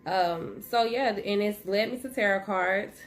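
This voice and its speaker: A woman hosting her own channel, chatting casually with viewers while chewing gum, with a relaxed, friendly manner. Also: medium pitch, measured pace, vocal fry. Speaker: channel host. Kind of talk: casual vlog chat. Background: faint noise of her dog moving around.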